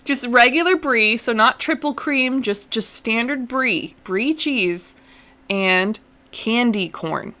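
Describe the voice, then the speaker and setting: A woman's voice: a little high, takes it slowly, pushed and bright. A young adult woman hosting a podcast, chatting casually and poking fun at herself. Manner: chatty, self-deprecating, laughs often. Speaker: podcast host. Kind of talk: casual chat.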